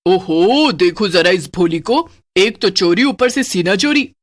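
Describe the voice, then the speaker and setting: A woman's voice: mid-range voice, animated, a little slow. A woman voicing a scornful, menacing female witch spirit who talks down harshly and mockingly.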